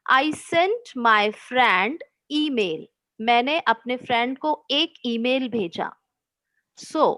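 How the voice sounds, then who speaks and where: A woman teaching children English grammar online, explaining slowly and patiently, mixing Hindi and English, with encouraging words. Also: on the high side, no echo, poor audio.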